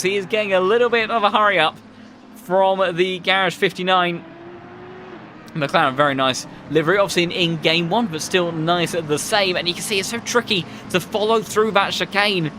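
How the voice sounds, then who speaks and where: High, bright-voiced male motorsport commentator. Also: normal speed, slight background noise. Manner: flowing, descriptive play-by-play with colourful turns of phrase. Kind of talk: live sim-racing race commentary.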